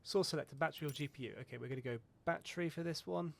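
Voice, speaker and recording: Talking very fast in a slightly high, creaky voice, this flight sim host rambles through his pre-flight checklist. He keeps it casual, cursing now and then and making jokes at his own expense.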